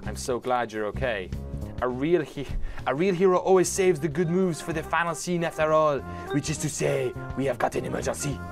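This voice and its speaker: A man's voice: fairly high pitch, a little fast, vocal fry, soft background music. Theatrical male pigeon hero, fake French accent, dashing delivery, as a man puts it on. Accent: put-on French. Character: flamboyant heroic male pigeon.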